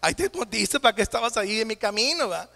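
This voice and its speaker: A big, clumsy elephant rushes out excuses and shifts the blame, as a male preacher puts him on. He talks fast and defensively. A long church-hall echo trails every phrase. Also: sits high, lively intonation, vocal fry, sharp tone, exaggerated voice.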